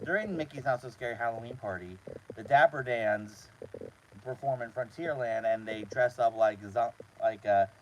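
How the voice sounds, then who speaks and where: A man hosting a casual live stream from inside a small trailer, talking to his chat in a halting way with repeated words. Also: medium pitch, slight background noise, rough recording. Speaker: host of a live show.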